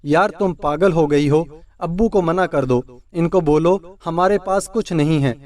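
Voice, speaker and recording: A man's voice: a little high, darkish tone, far from the mic, close to an everyday voice. A man voicing a tired, feverish young husband who mutters wearily and snaps in irritation. He keeps close to his own voice, set back from the mic. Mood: irritated.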